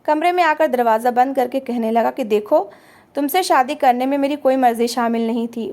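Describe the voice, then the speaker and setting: A woman reading a family drama aloud as a storyteller, in steady scripted narration. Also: high-pitched.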